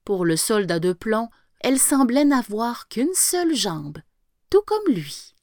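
In a studio-quality recording with no room sound, a woman with a fairly high voice performs a fairy tale as a storybook read-aloud. Her telling is expressive, and she slows and whispers at moments for effect.

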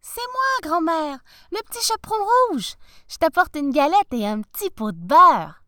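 An innocent, cheerful little girl from a storybook, played by a woman, with a high, eager voice. Her pitch leaps about and the sound is dry and close. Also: big pitch swings, moderate pace, sharp tone, dry recording, exaggerated voice.

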